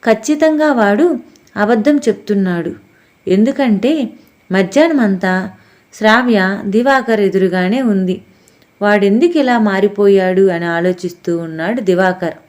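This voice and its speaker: A woman narrating a family audiobook story in a steady, expressive storytelling manner. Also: mid-range voice, normal speed. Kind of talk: scripted narration.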